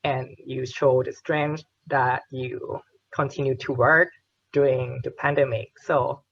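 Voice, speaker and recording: A man moderating a panel in a gentle, unhurried way, with many fillers. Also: mid-range voice, level tone, gravelly, highs cut off, a little hiss or hum.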